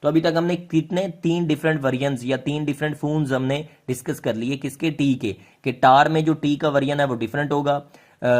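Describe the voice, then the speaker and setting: A man with a Pakistani Urdu accent explaining linguistics in a lesson, often asking rhetorical questions and pausing on fillers. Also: medium pitch, darkish tone. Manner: rhetorical questions, many hesitations. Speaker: linguistics teacher.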